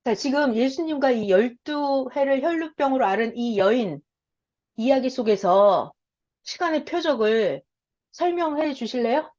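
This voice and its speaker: A woman's voice: sits high, measured pace. Woman bible teacher, bouncy sing-song voice, asks the class questions, muffled lo-fi audio. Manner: lively, quizzes listeners, acts out voices in quotes. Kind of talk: Bible story lesson with acted quotes. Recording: dull lo-fi sound.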